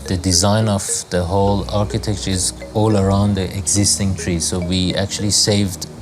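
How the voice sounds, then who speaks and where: A man who grew up in Zimbabwe, a lodge owner talking casually in an interview, relaxed and rambling with many fillers. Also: low-pitched, moderate pace. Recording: music playing under the voice.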